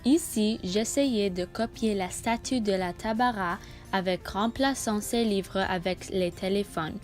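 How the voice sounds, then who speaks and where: A young woman, a student presenting a school project, narrates a video tour as a scripted voice-over. Her medium-pitched, slightly mellow voice moves a little slowly in a careful, read-aloud style, with faint music in the background.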